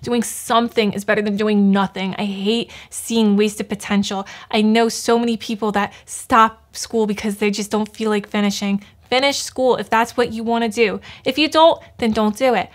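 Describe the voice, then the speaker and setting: A woman's voice: mid-range voice, steady tone, normal speed, hardly any pauses. A young woman giving a blunt, fired-up motivational talk to camera, swearing freely. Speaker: YouTuber giving motivational advice.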